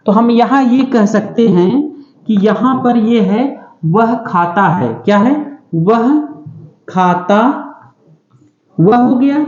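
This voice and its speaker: Slow, patient woman teaching shorthand. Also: medium pitch, dark tone. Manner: slow, repetitive explaining with frequent check-ins. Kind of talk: classroom lesson at a board. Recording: echoey, dull lo-fi room sound.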